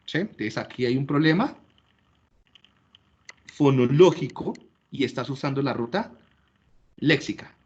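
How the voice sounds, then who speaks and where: With lively intonation and a measured pace broken by frequent pauses, a man with a medium, darkish, breathy voice gives a classroom lecture over dull audio. He walks through the material step by step, regularly asking rhetorical questions to confirm understanding.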